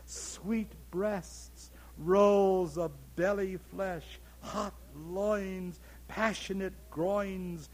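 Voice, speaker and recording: A man reading a dramatic monologue as a lusty, grandiose colonial frontier landowner, in a slow, declaiming way that swells loudly on words. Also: high-pitched, steady tone, heavily acted. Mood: rapturous.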